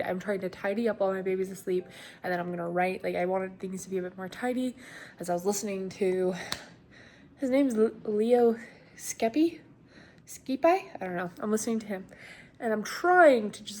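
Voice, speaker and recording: A woman's voice: mid-range voice, a little mellow, a little hiss or hum. A young woman and mother chatting casually to the camera at home, rambling and giggling as she does chores. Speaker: vlogger and mother. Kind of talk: casual vlog chat to camera. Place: at home, indoors, in the kitchen.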